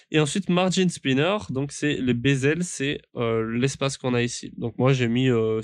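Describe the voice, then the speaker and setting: A man's voice: mid-range voice, no echo, studio quality. Man rambling through a setup tutorial. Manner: rambling with many fillers and restarts. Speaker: sim racing YouTuber. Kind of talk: casual tutorial walkthrough. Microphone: studio microphone at a desk.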